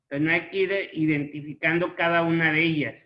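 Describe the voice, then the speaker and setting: A man's voice: a little high, steady tone. A man teaching a class, patiently walking students through examples and checking they follow. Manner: patient, slow explaining with rhetorical checks. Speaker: Spanish teacher. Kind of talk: online class explanation. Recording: echoey room, dull lo-fi sound.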